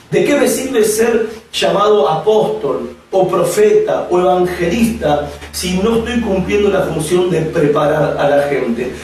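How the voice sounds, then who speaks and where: A pastor teaching a Bible course preaches to viewers on camera in a high, darkish male voice, asking rhetorical questions and repeating phrases for emphasis. The mic sits far from him in an echoey room, with faint ambience and slight background noise.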